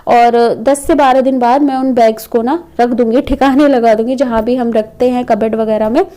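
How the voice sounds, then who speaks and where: A woman's voice: on the high side, fairly even intonation, moderate pace, warm tone. A woman in her thirties, a mother of two, chatting casually as she narrates her day at home in a vlog, with frequent fillers. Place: home, indoors.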